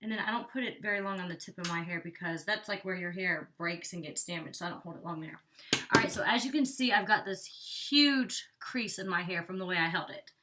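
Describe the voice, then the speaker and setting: A young woman with a voice on the low side talks a little fast against a noisy background, far from the mic. She's a beauty vlogger rambling casually through a hair tutorial with lots of "like", somewhat congested and short of breath.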